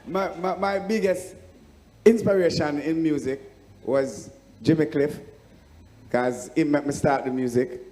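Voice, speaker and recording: Relaxed Jamaican man on a panel mic, hall echo. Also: fairly high pitch, measured pace, pauses often. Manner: relaxed, patois greetings. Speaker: deejay on a discussion panel. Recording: long hall reverb, faint noise.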